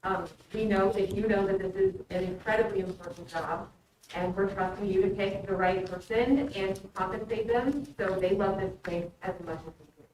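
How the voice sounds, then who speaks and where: A woman's voice: mid-range voice, moderate pace, darkish tone. A woman giving a polite, supportive public comment at a meeting. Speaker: teacher speaking at public meeting. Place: indoor public meeting room. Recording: echoey room, distant mic, clear noise.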